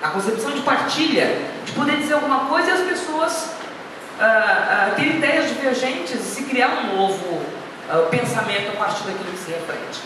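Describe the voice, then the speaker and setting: A guest speaker gives an informal lecture, chatting through anecdotes and tossing in self-deprecating asides. Her voice is a little high with lively intonation, and she talks at a normal speed. The recording is noisy, made in an echoey hall with her far from the mic.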